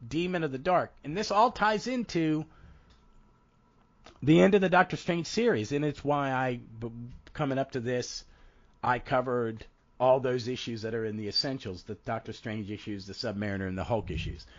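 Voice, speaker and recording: Hosting an easygoing podcast, a man in his fifties speaks at medium pitch and a moderate pace, his voice thick and froggy with a head cold. He meanders and cuts himself off partway through ideas, captured on lo-fi sound.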